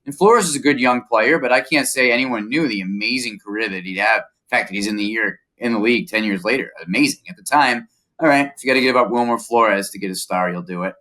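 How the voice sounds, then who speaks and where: A male reporter, a guest in a casual chat, recounting events in a measured, explanatory way. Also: medium pitch, sharp tone.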